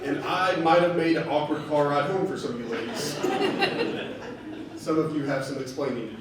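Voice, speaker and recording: A man doing a stand-up comedy set in a bar, telling stories with deadpan delivery. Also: on the high side, moderate pace. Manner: deadpan storytelling with acted quotes. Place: bar stage with laughing audience. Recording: echoey bar room from far off, noisy.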